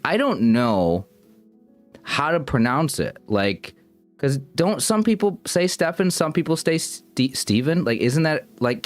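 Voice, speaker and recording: A young man chats casually with his livestream viewers, rambling and self-conscious, frequently stumbling and restarting sentences. His voice is mid-range, recorded with no echo.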